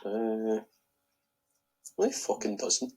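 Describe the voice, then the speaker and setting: A man's voice: lowish voice, big pitch swings, slow, background noise. A man co-hosting a casual podcast, dry and sarcastic, and he swears. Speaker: podcast co-host. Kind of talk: casual chat.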